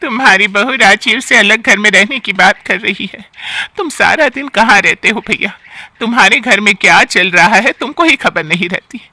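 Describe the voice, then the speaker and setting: A nagging elderly aunt-in-law picks at everything with sighing complaints, as a man voices her. The tone is bright and piercing and sits fairly high. The sound is dry and close. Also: normal speed, dry recording, exaggerated voice. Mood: scheming. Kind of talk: storybook character acting.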